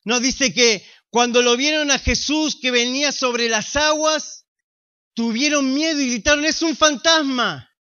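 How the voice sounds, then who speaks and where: A man with a Rioplatense accent preaches a sermon in a strikingly high, bright voice. He speaks very slowly and emphatically, leaving long dramatic pauses. The recording sounds slightly dull and lo-fi. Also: fairly even intonation. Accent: Rioplatense Spanish. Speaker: pastor.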